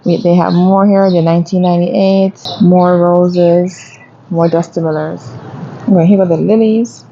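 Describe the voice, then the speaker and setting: A woman's voice: on the low side, fairly even intonation, measured pace, dull audio, a little hiss or hum. A woman gardening vlogger chatting casually as she walks a garden center and reads out plant prices. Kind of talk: casual shopping vlog commentary. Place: garden center of a home improvement store.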